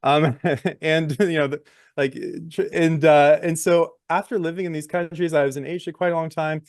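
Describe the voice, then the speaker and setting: A man's voice: a little high, fairly even intonation, moderate pace, no echo, clean studio sound. A man in his thirties, a guest on a talk show, telling his story in a chatty way and laughing between phrases. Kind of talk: interview conversation.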